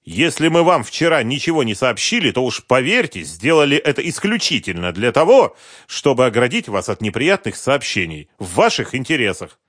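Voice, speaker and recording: A man voicing a police investigator who speaks in a dry, measured way, holding back anger. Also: mid-range voice, big pitch swings, fairly bright tone, slightly rough, dry recording. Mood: restrained.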